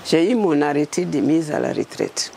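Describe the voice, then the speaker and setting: A woman in her eighties from Burkina Faso, a former state secretary telling her story in a lively, animated way. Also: sits low, normal speed, creaky, slight background noise. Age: 80s. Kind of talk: storytelling interview.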